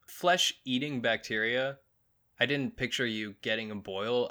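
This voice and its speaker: A man's voice: medium pitch, pushed and bright. A man hosting a podcast alone, rambling crudely through odd news stories with mock outrage. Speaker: podcast host. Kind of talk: solo comedic podcast monologue.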